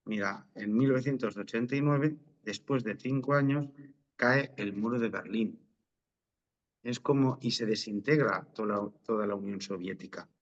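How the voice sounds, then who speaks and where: A man's voice: mid-range voice, lo-fi sound. A priest, a man with an accent from Spain, giving an informal, explanatory religious talk and often checking in with short question tags.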